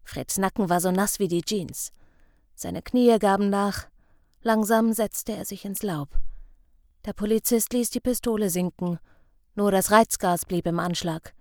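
A woman reading a novel aloud in measured, expressive audiobook narration. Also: medium pitch, no echo, studio quality.

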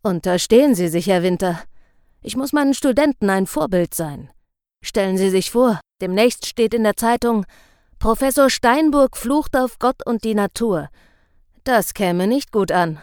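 A woman voicing a gruff, stubborn bearded male professor who grumbles and lectures. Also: a little high, animated, a little slow, a little mellow, no room sound, clean studio sound. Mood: lecturing. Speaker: field researcher.

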